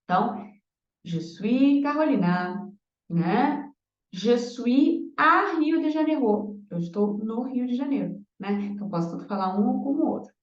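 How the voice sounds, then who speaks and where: A woman teaching a beginner French lesson, repeating each word slowly and clearly for her students. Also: a little high, expressive. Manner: slow, repeats words for learners. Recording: roomy, dull lo-fi sound.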